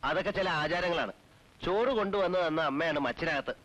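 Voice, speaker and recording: A man's voice: a little high, fairly quick, fairly bright tone, lo-fi sound, close to an everyday voice. An actor playing a devout middle-aged man who heads a traditional household, speaking in a stern, formal way that turns earnest. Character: devout middle-aged man, strict but kind-hearted. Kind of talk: 1980s film drama.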